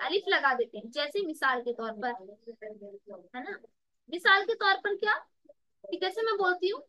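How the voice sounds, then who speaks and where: Woman Urdu tutor, high-pitched, unhurried and repetitive, dry dull lo-fi recording. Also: pushed and bright, no echo. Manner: repeats words and asks the class rhetorical questions; addresses students as beta. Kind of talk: online exam-prep lesson.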